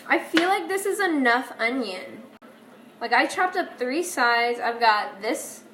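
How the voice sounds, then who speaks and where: High-voiced young woman cooking and chatting. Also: very animated, takes it slowly, a bit bright, slight background noise. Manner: chatty, self-mocking, talks straight to viewers. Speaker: cooking vlogger. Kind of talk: casual cooking vlog. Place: home kitchen.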